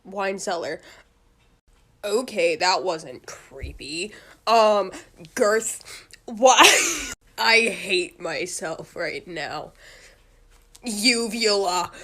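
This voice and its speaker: A woman's voice: mid-range voice, expressive, extremely slow, long pauses, bright, forceful tone. A woman making a casual comedy video, blurting out random words and laughing at herself in disbelief. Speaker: TikTok creator.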